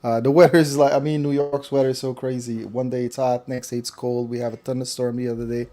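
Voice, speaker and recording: A man hosting a casual live online talk show over a video call, chatty and relaxed, with frequent fillers. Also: mid-range voice, fast talker. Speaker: host.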